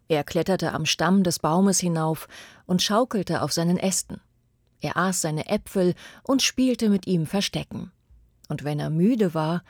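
A woman reading a storybook aloud in calm, measured narration. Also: on the low side, dry recording, studio quality.

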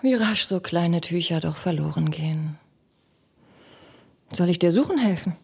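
An actress playing a young noble wife who pleads with her jealous husband in a measured, intimate dramatic monologue that often sinks to a whisper. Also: on the low side, expressive, gravelly, darkish tone, husky, exaggerated voice. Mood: bitter.

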